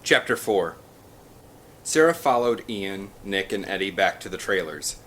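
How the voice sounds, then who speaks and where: This audiobook reader gives a children's adventure novel a dramatic, theatrical reading full of emphasis. His deep, expressive voice is a bit bright and keeps a measured pace. A little hiss or hum sits under the recording.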